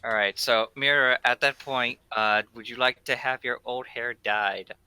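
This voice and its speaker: A man narrating a tabletop game as game master, improvising in a halting way as he searches for words. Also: mid-range voice, steady tone, bright, forceful tone, clean tone, no room sound.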